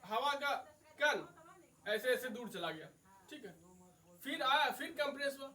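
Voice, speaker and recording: High, bright-voiced man lecturing on physics. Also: animated, unhurried, recorded from a distance. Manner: asks questions and answers them himself, repeats key terms. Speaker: physics teacher. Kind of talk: classroom lecture.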